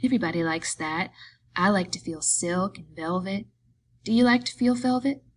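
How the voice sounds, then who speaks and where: A woman's voice: mid-range voice, moderate pace, a little hiss or hum, lightly acted. Woman acting a vain, chatty young farm wife. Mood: chatty, reassured. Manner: complacent, casual folksy talk. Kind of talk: acted audiobook dialogue.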